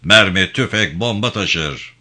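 A man's voice: sits low, expressive, measured pace, sharp tone, exaggerated voice. A man voicing a harsh, short-tempered gendarme sergeant who barks, curses and talks down to people. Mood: barking angry. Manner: barking, cursing, contemptuous.

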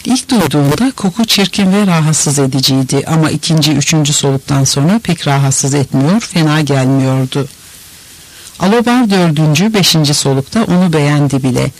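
A man reading a novel aloud in a measured, expressive storytelling manner. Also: on the high side, dry recording, low-quality recording. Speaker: narrator. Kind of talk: scripted audiobook narration.

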